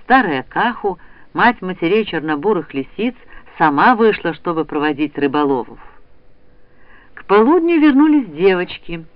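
A man's voice: sits high, sing-song, normal speed, no room sound. A man narrating a storybook, reading expressively on a dull, slightly lo-fi recording.

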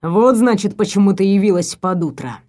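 A woman voicing an angry, menacing young stepbrother who talks low and mocking. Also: normal speed, warm tone, close to an everyday voice.

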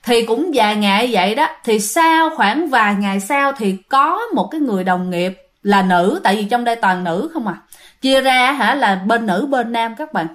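A woman's voice: fairly high pitch, lively intonation, normal speed. A woman telling a ghost story in a chatty way, often speaking straight to her listeners. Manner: chatty, many fillers, addresses the audience directly.

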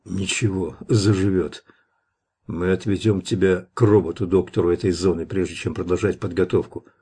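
A man voicing a burly strongman father in an audiobook, gruff and matter-of-fact. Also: low-pitched, steady tone, moderate pace, dark tone.

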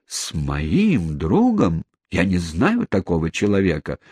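A man's voice: low-pitched, wildly swooping pitch, takes it slowly, a little mellow, slightly rough, dry recording, full character voice. A man voicing a shaken headmistress who speaks weakly, in an audiobook reading. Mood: faint. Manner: weak-voiced. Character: faint, shaken headmistress of a girls' school. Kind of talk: audiobook character voice.

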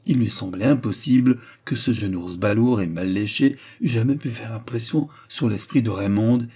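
A man reading a novel aloud as an audiobook narrator, in a measured, even storytelling manner. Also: lowish voice, breathy edge.

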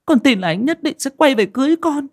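A man voicing a lovesick young village woman, pleading in a high, tearful voice. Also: expressive, fast, no echo, studio quality. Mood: determined. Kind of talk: audiobook character voice.

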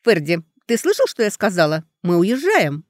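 A man voicing a domineering aristocratic mother who shouts commands at her grown son, read as an audiobook character. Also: sits high, wildly swooping pitch, moderate pace, no room sound, studio quality. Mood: imperious, shouting. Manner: loud, commanding, scolding.

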